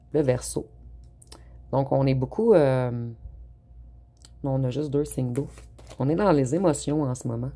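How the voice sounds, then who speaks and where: Gravelly dark-voiced tarot reader. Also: mid-range voice. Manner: unhurried, hesitant, with frequent "euh" pauses. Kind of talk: spoken tarot reading for online viewers.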